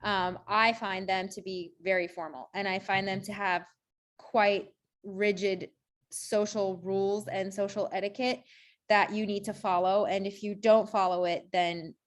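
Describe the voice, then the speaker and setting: A woman's voice: mid-range voice, level tone, a little slow. A woman from the United States talking casually as an interview guest, chatty and laughing as she talks.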